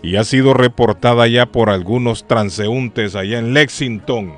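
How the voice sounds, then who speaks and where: A man's voice: medium pitch, unhurried, faint music behind. A man hosting a radio talk show, chatting and teasing his co-hosts and callers. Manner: joking, teasing. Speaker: radio host. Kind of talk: casual radio banter. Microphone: studio mic.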